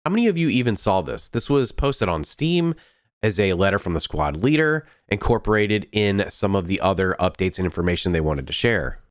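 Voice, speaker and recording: Man with a cold, nasal, lowish voice, dry close sound, steady game commentary. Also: a little fast, no echo. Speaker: gaming video host. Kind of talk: scripted game update commentary.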